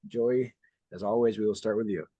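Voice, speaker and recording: Low-voiced guy casually breaking down fights, dry close sound. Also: moderate pace, no echo, lo-fi sound. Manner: relaxed, conversational, steers the show. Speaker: podcast co-host. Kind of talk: casual sports betting talk.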